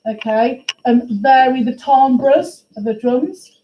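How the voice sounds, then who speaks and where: A woman teaching a music class, questioning and encouraging her students in a brisk way. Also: sits high, highs cut off, slight background noise. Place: school classroom. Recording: echoey classroom, faint ambience.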